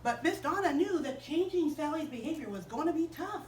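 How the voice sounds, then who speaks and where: Animated woman telling children a story. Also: high voice, a little fast, echoey room, distant mic, slight background noise, poor audio. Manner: animated, asks the children questions. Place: chapel room.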